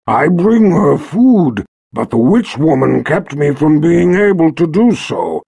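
A man voicing a huge proud young male red dragon, speaking slowly and booming as if from far off. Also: very animated, creaky, warm tone, husky, no echo, full character voice. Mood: mournful. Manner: slow, booming, growling.

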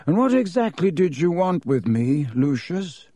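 Man voicing Dumbledore, calm commanding old headmaster. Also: sits high, dry recording, pitched above the performer's own voice, exaggerated voice. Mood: polite, firm. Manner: polite, deliberate, very clear.

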